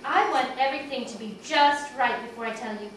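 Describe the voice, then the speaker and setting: A woman voicing a nervous, affectionate puppet queen with halting, melodramatic delivery in an amateur children's show. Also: sits high, natural voice. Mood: hesitant, affectionate. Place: small home gathering, echoey room, far camera. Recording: echoey distant noisy home video.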